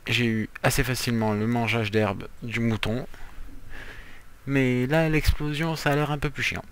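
A man's voice: medium pitch, steady tone, normal speed, a bit bright, clean tone. A man giving casual, playful gameplay commentary as a let's player, chatty, with jokey asides while he explains what he is doing.

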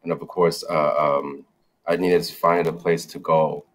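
A startup founder from China speaks in an interview over a video call on his webcam. He has an unhurried bass voice with little pitch movement, and he talks hesitantly with many fillers and restarts.

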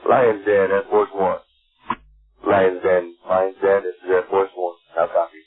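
A man speaking as an aircraft radio operator over a walkie talkie, in procedural, slightly halting military radio exchanges. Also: low-pitched, flat delivery, faint music behind. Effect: two-way radio, walkie talkie. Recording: tinny phone-like radio transmission.

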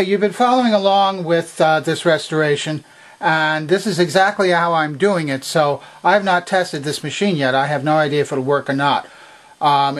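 An older man with a fairly high, fairly bright voice narrates a hands-on repair demonstration at an indoor workbench. As presenter of a vintage electronics repair video, he talks casually and unscripted, going methodically step by step.

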